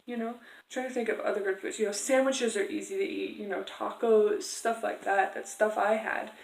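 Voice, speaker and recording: A woman's voice: mid-range voice, steady tone, a little fast, gravelly. A woman telling a personal story casually to camera as a vlogger, in a rambling, conversational way. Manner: rambling, conversational, acts out quoted exchanges. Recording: echoey room.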